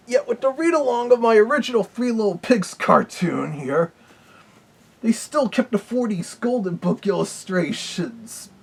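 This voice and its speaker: A boastful cartoon wolf villain, as a man puts him on, talking in a high, gravelly voice that leaps up and down. His tone is husky and rough at the edges, and he chuckles to himself between remarks while he reviews with a hungry, self-satisfied air. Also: full character voice. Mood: indignant. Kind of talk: comedic character review.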